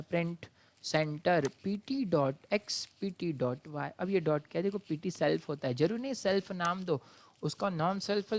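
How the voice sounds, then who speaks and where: A man's voice: a little high, a little mellow. Patient male lecturer explaining step by step. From India. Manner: patient, explains step by step and calls students "beta"; reads exam questions out slowly. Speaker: college lecturer. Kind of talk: programming lecture to students.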